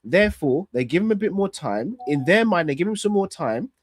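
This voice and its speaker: A man argues in a heated pundit debate about football. His voice sits slightly high and is recorded very dry. He presses his case point by point, determined to be heard out. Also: sing-song, a little fast, dry recording. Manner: insistent, argues point by point, pleads to finish. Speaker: football fan pundit on a panel show.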